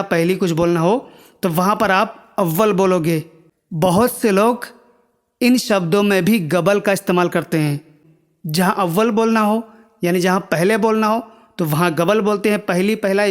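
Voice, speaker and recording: A man's voice: high-pitched, big-room sound. A man teaching words of a language to viewers, patiently repeating each word and checking that they understand. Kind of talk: spoken language lesson.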